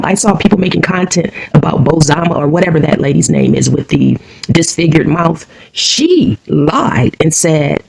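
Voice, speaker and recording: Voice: medium pitch, vocal fry, darkish tone, slightly rough, rough recording. An American vlogger giving combative opinion commentary, often repeating phrases for emphasis.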